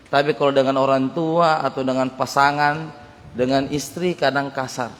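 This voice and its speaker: A man teaching a religious dawn study session, explaining each point and repeating it for emphasis. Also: on the high side. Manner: explanatory, repeats points, mimics harsh speech for examples. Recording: long hall reverb.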